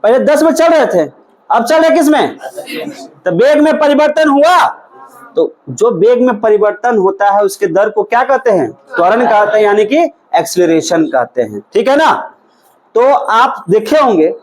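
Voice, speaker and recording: A man teaches physics in a classroom, speaking slowly and deliberately in a strikingly high voice. He quizzes his students as he goes, repeating each question and answer back to them. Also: sing-song, low-quality recording.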